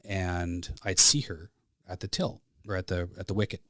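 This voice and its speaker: He's a plain-spoken Albertan in his fifties with a Canadian accent who works as a flight service specialist, telling stories casually as a podcast guest in a studio. His low voice holds a steady tone at a moderate pace and is a bit bright. No room sound comes through.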